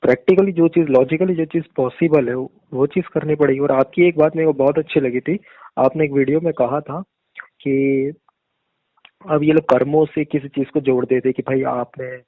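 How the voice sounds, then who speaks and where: On a muffled, narrow-band phone call, a male caller with a slightly high voice and fairly even intonation speaks at a moderate pace with no room sound. He's casual and agreeable, repeatedly affirming and phrasing things in a somewhat rambling way.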